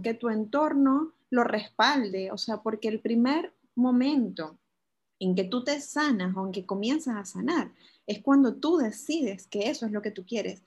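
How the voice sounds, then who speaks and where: A woman's voice: a little high, a little mellow, dull audio. A woman co-hosting a talk, encouraging and addressing the listener directly. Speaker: co-host. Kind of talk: conversational talk.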